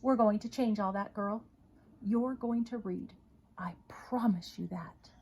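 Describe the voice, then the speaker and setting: A woman voicing a kind, earnest male schoolteacher in a storybook, tender and encouraging, with a husky voice. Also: mid-range voice, measured pace, darkish tone, a little hiss or hum, close to an everyday voice.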